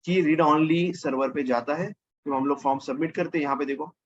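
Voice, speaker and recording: A man's voice: a little high, steady tone, brisk, muffled recording, a little hiss or hum. A man teaching a casual coding lesson over his screen, thinking aloud and correcting himself as he goes. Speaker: programming teacher.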